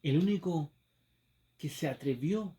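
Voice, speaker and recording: Slow, mellow Chilean man preaching. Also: fairly high pitch. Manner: storytelling with acted exclamations and rhetorical questions. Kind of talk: sermon.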